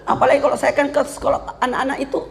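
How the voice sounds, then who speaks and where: A man in his fifties giving a humorous religious talk to an audience. He jokes constantly and leaps into high squeaky voices. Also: level tone, racing, gravelly. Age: 50s. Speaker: preacher. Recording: hall reverb with faint crowd.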